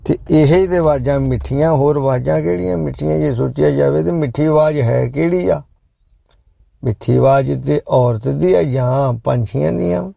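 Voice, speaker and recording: A middle-aged male show host speaks loudly and at length straight to his listeners, shifting between jokes and preaching, in what sounds like a casual live chat between songs. His voice is deeply gravelly and heavily fried, dark and mellow in tone, at normal speed, recorded dry and close.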